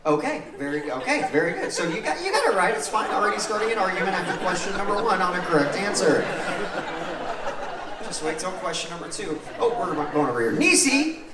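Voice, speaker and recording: A man hosting a game show in lively banter with a live audience, jokey and teasing. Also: sits high, brisk. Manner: jokey, teasing, playing to the crowd. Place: large echoing venue with live audience. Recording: roomy, distant mic, noisy audience. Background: crowd noise and laughter.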